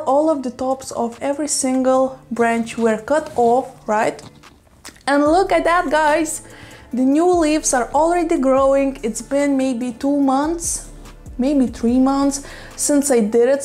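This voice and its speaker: A woman with a strong Russian accent chats to her camera at home. Her voice sits a little high. She talks loosely and laughs easily, filling gaps with "you know" and "right?". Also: measured pace, a little mellow. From Lithuania. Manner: chatty, laughs often, says "you know" a lot. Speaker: plant vlogger. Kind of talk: casual vlog chat. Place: home room with plants.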